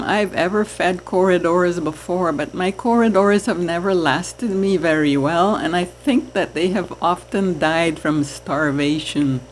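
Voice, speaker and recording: A woman from Trinidad talks to her viewers at a slow, easy pace. Her voice sits a little low, and she chats warmly about her aquarium with the odd soft laugh. The delivery is relaxed and conversational. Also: slight background noise. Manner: slow, chatty, laughs softly. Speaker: aquarium hobby vlogger. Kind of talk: casual chat to camera.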